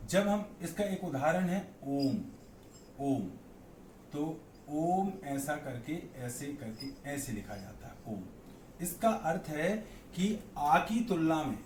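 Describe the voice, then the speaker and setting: A man's voice: a little high, darkish tone. A man teaching a lesson on Hindi vowels and signs, who repeats key terms and asks and answers his own questions. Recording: echoey room with faint background noise.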